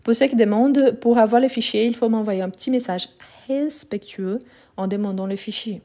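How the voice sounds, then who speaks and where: A woman with a mellow, warm voice teaches grammar on a live stream. She explains patiently and repeats the key words. Her voice comes through a phone microphone. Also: fairly high pitch, normal speed. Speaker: French teacher. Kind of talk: live online grammar lesson.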